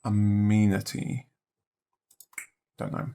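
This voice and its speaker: Man, young adult, deep-ish voice, rough vocal fry, mumbled guesses, thinking-aloud commentary. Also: flat delivery, dark tone. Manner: musing, unhurried, trailing off in half-spoken guesses. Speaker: let's play host.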